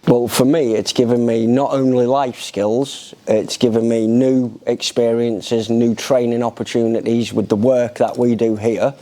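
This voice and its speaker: A man's voice: medium pitch, little pitch movement, unhurried, hardly any pauses, warm tone. A middle-aged man with a British accent, talking conversationally about his own experience in an interview. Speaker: charity resident being interviewed. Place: indoor lounge, seated in an armchair.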